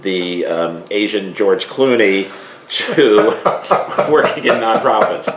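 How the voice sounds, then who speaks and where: A man hosting an interview, asking long questions in a relaxed way with plenty of fillers. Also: fairly low pitch, slow pace. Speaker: host. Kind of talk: casual interview. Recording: echoey room with faint noise.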